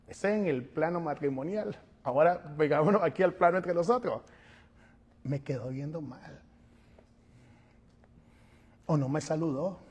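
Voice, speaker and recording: A male pastor preaching a sermon, animated, moving between quiet asides and loud calls, and acting out little scenes. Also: fairly high pitch, unhurried, long pauses, slightly rough, in a large hall. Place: church sanctuary.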